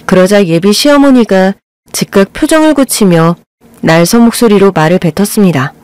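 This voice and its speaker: A woman narrating a scripted audio drama in a calm storytelling manner. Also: medium pitch, moderate pace, clear, resonant tone, no room sound.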